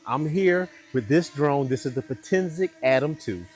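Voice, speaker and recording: A man's voice: fairly high pitch, lively intonation, moderate pace, darkish tone, husky. A man reviewing gear and thinking aloud as he demonstrates it, his voice processed by noise cancellation that leaves reduction artifacts. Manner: talks easily while demonstrating, thinking aloud. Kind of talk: casual product test. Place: outdoors in a neighborhood.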